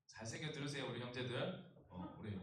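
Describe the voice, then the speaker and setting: A man's voice: medium pitch, expressive, a little fast, noisy background. A male pastor preaching a youth sermon, joking and asking the congregation questions. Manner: humorous, asks the congregation questions. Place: church sanctuary. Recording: echoey church hall, distant mic.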